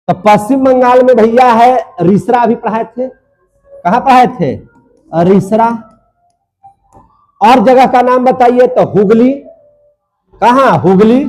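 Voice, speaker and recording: A man's voice: very high-pitched, darkish tone. A young man teaching a class, drilling students by asking questions and repeating each answer. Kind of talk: classroom lecture.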